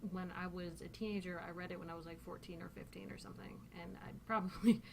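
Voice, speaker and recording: Speaking quickly and steadily in a lowish voice with vocal fry, a vlogger works through a dialect questionnaire in a relaxed, rambling way full of fillers. English is her first language, and her accent is central Northern Californian. There's slight background noise.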